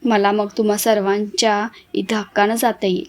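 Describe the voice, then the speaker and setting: A woman's voice: mid-range voice, little pitch movement, moderate pace, close to an everyday voice. A woman voicing a tearful orphaned young woman. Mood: pleading. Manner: pleading, emotional.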